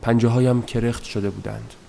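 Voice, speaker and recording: A man reading a story aloud in a soft, measured, somber voice, as scripted narration. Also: mid-range voice, fairly even intonation, vocal fry. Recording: noisy recording.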